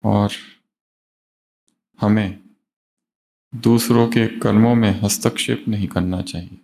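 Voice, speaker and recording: A man voicing a male monk who calmly lectures in a detached, scripture-quoting way. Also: fairly low pitch, slow pace, a little hiss or hum. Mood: lecturing.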